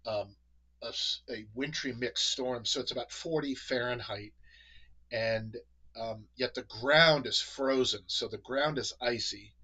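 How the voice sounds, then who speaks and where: A man with a New England accent talks in a relaxed, rambling way, full of fillers and restarts. His voice is bright and a little husky, and his pitch sits in a middle range. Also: measured pace, rough recording. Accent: New England American. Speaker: podcast host. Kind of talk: casual chat.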